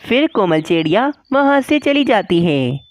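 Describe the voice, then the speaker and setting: A woman's voice: mid-range voice, unhurried, no room sound. A woman narrating a cartoon story in a scripted storytelling style. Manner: lively storytelling, addresses viewers.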